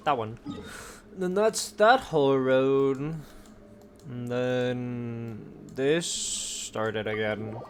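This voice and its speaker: A game streamer gives casual commentary while playing, rambling and thinking aloud with drawn-out words in a mid-range voice. Video game music plays behind him, along with slight background noise.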